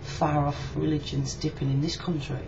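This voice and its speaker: Recorded in a room on a muffled, lo-fi webcam with clear background noise, a video blogger from Yorkshire gives a personal video reply. She speaks casually, frankly and reflectively in a low-pitched, level tone at a moderate pace.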